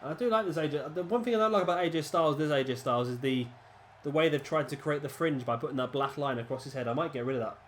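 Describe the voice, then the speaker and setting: Talking fast in a fairly high voice, a congested man with a cold rambles through casual gameplay commentary. The gaming commentator is chatty and keeps restarting his sentences, with slight noise in the background.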